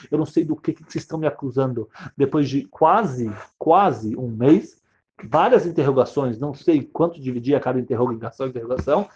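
A man's voice: mid-range voice, a little mellow, breathy edge, lightly acted. A man voicing a troubled man who earnestly recounts a prison ordeal. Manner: pleading, earnest, repetitive. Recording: dull lo-fi sound.

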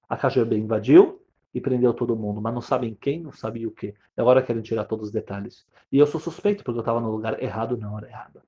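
A man's voice: medium pitch, dark tone, husky, close to an everyday voice. A man voicing a troubled man who earnestly recounts a prison ordeal. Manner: pleading, earnest, repetitive. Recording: dull lo-fi sound.

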